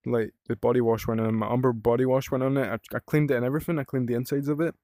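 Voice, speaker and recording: Young british guy vlogging, rambly and sweary, warm mellow tone, dry close sound. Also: mid-range voice, steady tone, fast talker, no room sound. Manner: rambling, swears casually, frequent fillers. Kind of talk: casual vlog chat.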